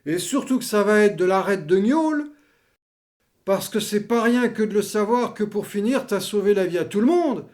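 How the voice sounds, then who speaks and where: Male actor as grumbling old veteran, high voice, blustering slangy delivery, stage comedy. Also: a little mellow. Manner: colloquial, blustering, twisted slangy grammar. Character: Achille, grumbling, mocking old war veteran. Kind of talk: theatrical comedy acting.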